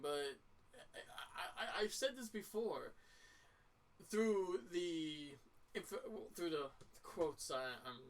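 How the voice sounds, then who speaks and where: A man's voice: fairly high pitch, a bit bright, far from the mic. A tired man in his thirties giving casual, rambling gaming commentary, stumbling and restarting often, with a dry throat. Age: 30s. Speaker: gaming let's-player.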